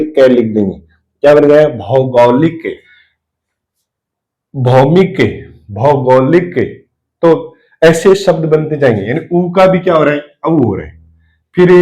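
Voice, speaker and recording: A man's voice: fairly high pitch, dark tone, poor audio. A man teaching a spelling lesson at a board, who asks his class questions and answers them himself while he writes.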